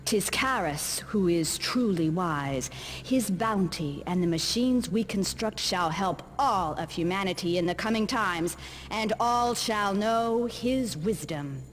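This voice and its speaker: Slow-spoken, devout fantasy mechanist. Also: female voice, medium pitch, expressive. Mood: reverent. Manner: measured, formal archaic speech. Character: calm, devout female mechanist, kindly and solemn. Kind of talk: video game character dialogue.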